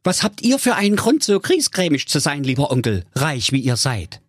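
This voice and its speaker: A man's voice: a little high, sing-song, moderate pace, breathy edge, dry recording, clean studio sound, voice pushed up. A man doing a gushing cheerful nephew. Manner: bubbly, gushing. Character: cheerful beaming young male nephew.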